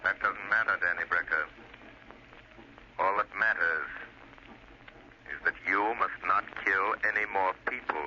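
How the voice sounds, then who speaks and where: An old, band-limited radio recording with faint noise presents a commanding mystery hero. His mid-pitched voice is intensely forceful, theatrical and resolute, every order delivered with hypnotic authority. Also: measured pace, pauses often, highs cut off, exaggerated voice. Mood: stern, commanding. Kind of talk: 1940s radio drama acting.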